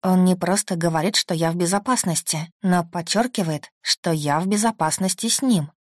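A woman's voice: on the low side, moderate pace, a little mellow, no room sound, clean studio sound. A woman reading an audiobook in the first person. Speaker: audiobook narrator.

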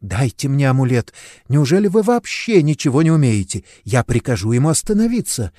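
A man's voice: mid-range voice, very animated, fairly quick, warm tone, no room sound, clean studio sound, pitched above the performer's own voice. A man voicing a cruel, mocking princess. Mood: imperious. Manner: silky, commanding, mocking.

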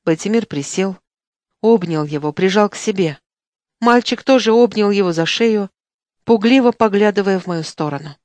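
A woman narrating an audiobook in an expressive reading style, recorded in a studio. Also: medium pitch, no room sound. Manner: expressive, acts out dialogue. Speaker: audiobook reader. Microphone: studio microphone.

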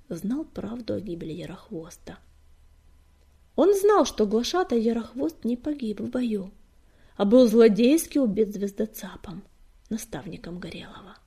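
A woman reading an audiobook aloud in a soft, breathy way that often sinks to a whisper. Her voice sits a little high but sounds dark, with a gravelly, husky texture. The telling stays close and gentle. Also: big pitch swings, normal speed. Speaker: audiobook narrator. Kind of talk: audiobook narration.

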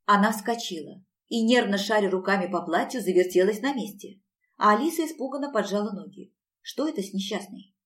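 A woman reading an audiobook in an even storytelling voice. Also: mid-range voice, fairly quick. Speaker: audiobook narrator. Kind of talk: scripted narration.

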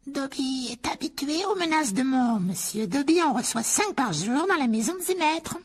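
A woman's voice: high voice, expressive, moderate pace. A woman voicing a timid, pleading male house-elf servant in a dramatized audiobook reading, fretful and anxious to please. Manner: pleading, fretful and self-punishing.

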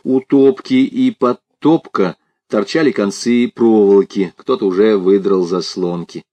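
A man narrating an audiobook in an expressive, dramatic reading style. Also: lowish voice, a little slow.

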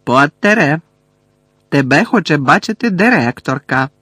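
A man's voice: fairly high pitch, lively intonation, slow, dry recording, clean studio sound. A man voicing a hissing, gloating old caretaker. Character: sneering spiteful old male school caretaker.

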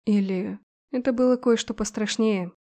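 A woman narrating a first-person fantasy audiobook in a steady, expressive storytelling voice. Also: medium pitch, normal speed.

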